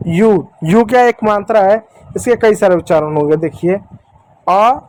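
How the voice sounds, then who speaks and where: Patient, high-voiced male teacher. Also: darkish tone, no echo. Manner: slow, repeats each sound patiently, addresses children directly. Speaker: English phonics teacher for children. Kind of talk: explanatory lesson.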